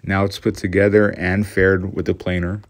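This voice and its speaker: Man, very low voice, casual voice-over, matter-of-fact, self-deprecating. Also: little pitch movement, normal speed. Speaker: hobby boat builder.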